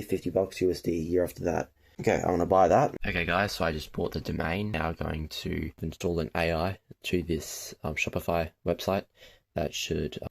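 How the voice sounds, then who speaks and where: Chatting with his audience, a teenage vlogger recounts his progress launching an online business. He speaks in a deep, gravelly male voice.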